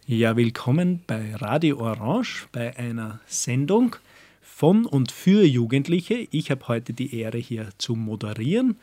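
A man's voice: medium pitch, very animated, a little slow, dark tone. Man hosting a youth radio show. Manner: friendly, encouraging questions. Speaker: radio host. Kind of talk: radio interview.

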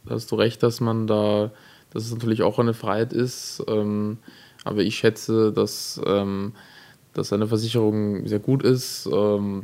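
A man's voice: on the low side, creaky, mellow. A teenage boy hosting a youth radio discussion, hesitant with many fillers. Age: teens. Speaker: host.

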